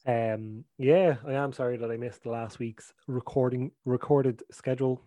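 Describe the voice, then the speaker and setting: A man's voice: mid-range voice, steady tone, unhurried, dark tone, no echo. Man, podcast co-host, loose rambling delivery, dry close sound. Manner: rambling, filler-heavy, jokey. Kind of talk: casual podcast chat.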